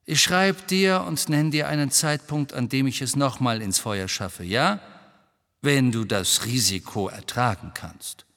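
A man reading an audiobook, voicing a restless grown man in hiding who reassures briskly with a bitter edge. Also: mid-range voice, fairly bright tone, in a large hall, pitched above the performer's own voice. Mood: tense, bitter.

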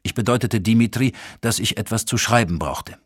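Low-voiced man reading an audiobook. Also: slightly rough, dry recording, studio quality. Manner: calm, measured reading with lightly acted dialogue. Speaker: audiobook narrator. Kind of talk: scripted audiobook narration.

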